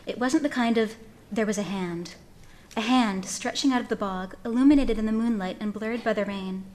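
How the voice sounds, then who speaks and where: A woman reading a piece of fiction aloud in an expressive, dramatic storytelling manner. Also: medium pitch, moderate pace. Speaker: story reader.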